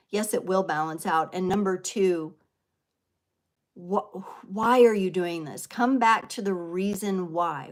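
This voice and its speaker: A woman hosts a live tarot reading. She talks in an earnest, heartfelt, rambling way, teary and sniffling, and keeps checking in with "right?" and "you know". Her voice sits at a middle pitch for a woman. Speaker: tarot reader hosting a live stream. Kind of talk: live stream spiritual talk.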